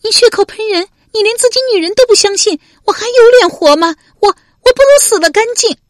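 A woman narrator voicing a proud young noblewoman in a historical novel reading, evasive and defiant, her lines shrill and pleading. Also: expressive, normal speed, darkish tone, dry recording, clean studio sound. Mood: wailing. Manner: shrill and pleading, rising into wails.

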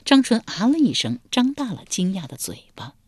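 A woman's voice: medium pitch, normal speed, husky, no echo, studio quality. A woman narrating a historical novel as an audiobook, telling it expressively. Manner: expressive storytelling.

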